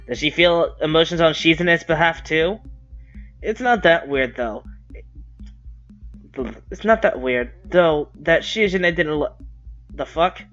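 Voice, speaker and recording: Streamer guy reading a visual novel out loud, chatty, swears when he flubs, muffled lo-fi w music. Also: a little high. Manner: conversational, swears at his own slips and rereads. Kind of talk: casual reading aloud.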